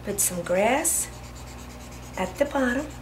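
A preschool teacher in her thirties guides young children step by step in short, encouraging phrases, checking in with them often. Her voice is on the high side, animated, and slow-paced. The indoor classroom recording has audible background noise.

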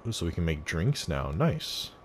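A man casually commenting on his gameplay, relaxed and thinking aloud with fillers. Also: low voice, moderate pace, a little hiss or hum. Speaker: gameplay video host.

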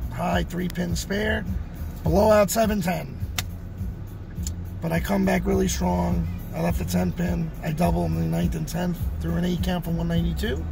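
The audio is poor on this in-car recap from a middle-aged bowler and vlogger, captured on a phone at arm's length. He speaks in a high, creaky voice, casually going over things to camera and repeating himself for emphasis.

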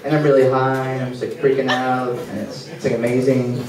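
Stand-up comic, man, mid-pitched, awkward self-mocking delivery; roomy far-off club recording. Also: flat delivery, a little fast, crowd noise. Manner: rambling, awkward, self-deprecating. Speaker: stand-up comedian. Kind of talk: stand-up set. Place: comedy club stage. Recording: echoey club room, mic far off, loud hiss.

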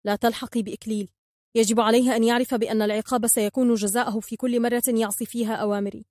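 Woman doing a young male hero, stern, hot-tempered, sharp orders, storybook. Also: a little high, level tone, racing, no echo, clean studio sound, natural voice. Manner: sharp and commanding.

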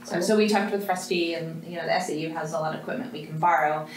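A woman's voice: sits low, steady tone, fast talker, distant mic, slight background noise. A woman serving as school principal, explaining plans in an upbeat, practical way at a school board meeting. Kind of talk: meeting discussion. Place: school classroom, mid-size, indoors. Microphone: far room camera. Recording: echoey classroom heard from afar.

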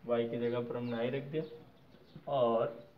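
A man with a mid-range, level voice teaches English grammar at an unhurried pace. He checks in with his viewers often and spells out word endings letter by letter. The recording is slightly dull, with faint noise.

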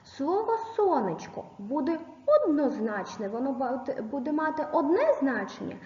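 A woman's voice: sits high, big pitch swings, normal speed, a little mellow. A woman teaching a recorded lesson to young pupils, patiently dictating and spelling out sounds and syllables. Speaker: primary school teacher. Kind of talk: recorded video lesson for children. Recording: echoey room, dull lo-fi sound.

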